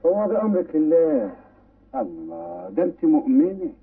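An actor playing a blustering, sly village mayor with an Egyptian accent in an old film. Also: male voice, a little high, big pitch swings, normal speed, no echo. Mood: coaxing. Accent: Egyptian Arabic. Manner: bossy and blustering, then smoothly coaxing. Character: pompous, sly village mayor, middle-aged man. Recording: tinny, distant old film soundtrack.

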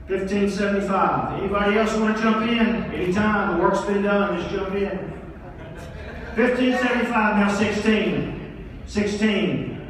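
A man working as a charity auctioneer, calling out bids briskly and coaxing the crowd to raise them. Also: high-pitched, a bit bright. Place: large hotel ballroom. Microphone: handheld mic, filmed from far back. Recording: echoey ballroom from far off.

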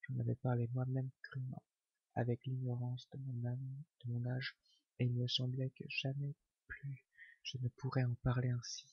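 A man giving a whispered ASMR reading of a novel, slow and hushed. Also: medium pitch, creaky, husky, no echo. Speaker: ASMR reader. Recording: dull lo-fi recording.

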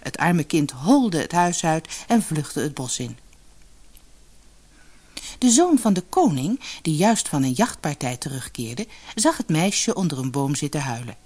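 Husky, expressive storybook narrator. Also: female voice, deep voice, measured pace.

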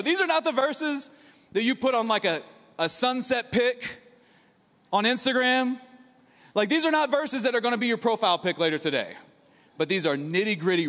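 A man in his thirties, a pastor preaching a sermon from a church stage into a handheld mic, talking in an energetic, conversational way with frequent asides. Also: on the high side. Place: large church auditorium stage. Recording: long hall reverb.

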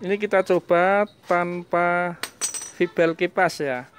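A man's voice: high-pitched, fairly even intonation, takes it slowly, a little hiss or hum. A man, a mechanic explaining a diesel engine repair step by step in a workshop. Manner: explains step by step to viewers, switches to Javanese with the owner. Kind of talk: hands-on repair demonstration.

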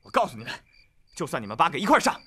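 An actor playing a hot-headed young country kung fu fighter who shouts defiance at bullies. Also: male voice, on the high side, wildly swooping pitch, very fast, breathy edge, full character voice. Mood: defiant. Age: young adult. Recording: film soundtrack with music.

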